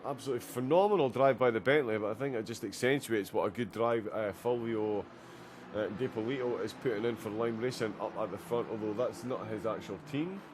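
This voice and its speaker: A man's voice: mid-range voice, slight background noise. Man giving casual sim racing commentary. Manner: chatty, many "uh" fillers, reacts to the action. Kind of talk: live race commentary.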